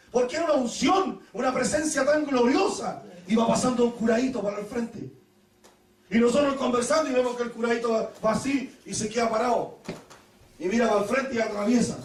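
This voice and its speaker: A Chilean man preaching a Pentecostal sermon, telling stories with laughter and sudden shouted praises. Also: very high voice, far from the mic. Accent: Chilean Spanish. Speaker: pastor. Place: church hall. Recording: echoey church hall, mic from afar.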